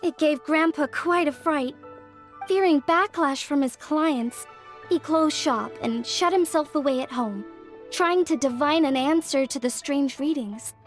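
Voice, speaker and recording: In a game cutscene with faint music, a young woman voices an earnest craftswoman from a fortune-telling clan, explaining things modestly and carefully. Her voice is high-pitched and a little slow.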